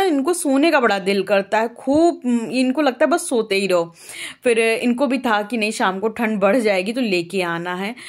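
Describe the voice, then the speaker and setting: Chatty young woman vlogger from Uttar Pradesh. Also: mid-range voice. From Uttar Pradesh, India. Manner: rambling, homely and talkative, with frequent "अ" fillers. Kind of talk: casual chatty vlog narration.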